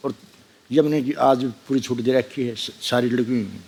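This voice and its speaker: A man's voice: medium pitch, steady tone, a little mellow, breathy edge. Older plain-spoken man from Haryana. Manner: plain-spoken and sincere, with some halting restarts. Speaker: talk show guest, father of wrestlers. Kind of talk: earnest conversational answers.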